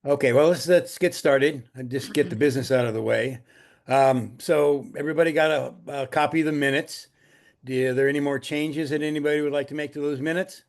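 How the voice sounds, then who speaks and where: A man's voice: on the high side, fairly even intonation, fairly quick. A man chairing a small public meeting over a video call, speaking informally as he moves through business.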